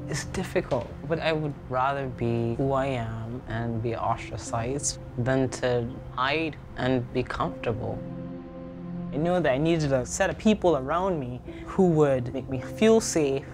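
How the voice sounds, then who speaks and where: A young woman from Barbados, speaking calmly and earnestly about her life as a documentary narrator. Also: very deep voice, measured pace, over music. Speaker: entrepreneur and advocate.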